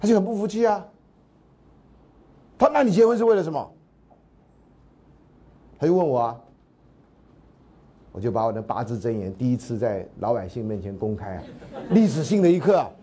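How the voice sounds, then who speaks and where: A man's voice: mid-range voice, mellow. A man with a Taiwanese Mandarin accent giving a university lecture, telling anecdotes in a chatty way, acting out the dialogue and often asking his listeners whether they follow. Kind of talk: storytelling lecture.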